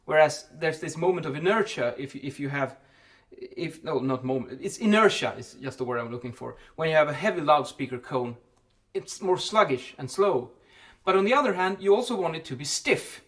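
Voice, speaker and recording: A vlog host who specializes in building acoustics answers a question informally, his somewhat high voice expressive and a bit bright at a normal speed. He thinks out loud, repeating words and correcting himself, and he sounds slightly far from the microphone.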